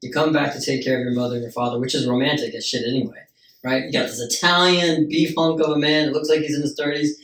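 A man's voice: mid-range voice, fairly even intonation, fast talker, fairly bright tone, distant mic, a little hiss or hum. A man hosting a podcast with crude, teasing banter. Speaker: podcast host. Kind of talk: casual podcast chat. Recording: roomy sound from off mic.

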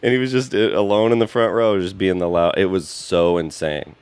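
A man's voice: sits low, animated, brisk, a little mellow, clean tone, no echo. A man, a stand-up comedian, chatting casually and telling a story, acting out the lines of the people in it. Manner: storytelling, acts out quotes. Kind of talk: casual chat.

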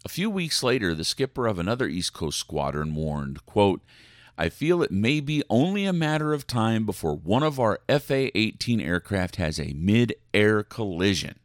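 A male podcast host with a dramatic, extremely animated delivery that leaps and dips in pitch. He reads news aloud and comments with sarcasm and mock outrage, in a close, very dry recording. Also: normal speed, hardly any pauses, no echo.

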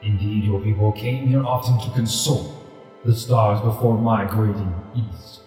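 Man voicing a deep, slow ghostly tiger guardian. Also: steady tone, mellow, heavy reverb, long reverb tail, soft background music, close to an everyday voice. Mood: solemn, calm. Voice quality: deep rumbling. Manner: slow, grave, measured storytelling. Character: huge ancient ghostly tiger guardian, solemn, unaggressive. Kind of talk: tabletop role-play.

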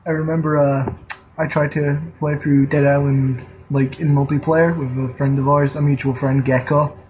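A man's voice: on the high side, little pitch movement, moderate pace, a little mellow, muffled recording, slight background noise. A man co-hosting a podcast, chatting casually with dry, sarcastic quips and trailing off mid-sentence. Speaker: podcast co-host. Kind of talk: casual chat with dry jokes.

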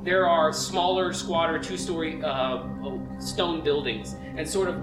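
Man, game master, improvised scene description, halting, roomy room sound, loud background music. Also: a little high. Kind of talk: improvised tabletop game narration. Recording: roomy, distant mic under loud music.

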